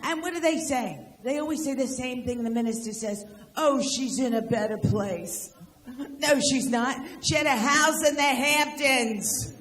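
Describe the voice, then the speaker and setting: A woman's voice: sits high, fairly bright tone, echoey room. An older woman doing a stand-up comedy set, firing off brash jokes and teasing people in the audience. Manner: brash, rapid-fire jokes and crowd work. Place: live venue with audience.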